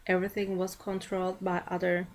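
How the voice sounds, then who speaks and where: A woman giving a prepared personal speech to an audience in a class setting, speaking deliberately with frequent pauses and fillers. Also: lowish voice, completely flat delivery, darkish tone, a little hiss or hum, poor audio.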